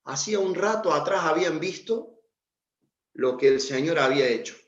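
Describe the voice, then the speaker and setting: Guy preaching, kinda high voice, echoey dull recording, chatty with lots of "eh". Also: animated, normal speed. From Argentina. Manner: conversational, with fillers and rhetorical "¿no?". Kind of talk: sermon with Bible reading. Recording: echoey room, dull lo-fi sound.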